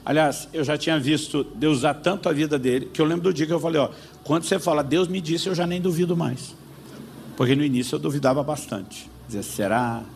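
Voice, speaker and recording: A man's voice: a little high, brisk, vocal fry, darkish tone, a little hiss or hum. A man with a Brazilian Portuguese accent preaching, telling a personal story and acting out both sides of a conversation. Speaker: pastor. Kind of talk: sermon storytelling.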